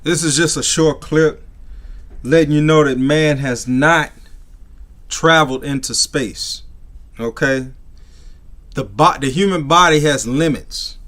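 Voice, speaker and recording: A man's voice: a little high, a bit bright. A man commenting like a debunking podcaster, emphatic and dismissive, with preacherly assertions and frequent checking tag questions. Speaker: religious debunking video host.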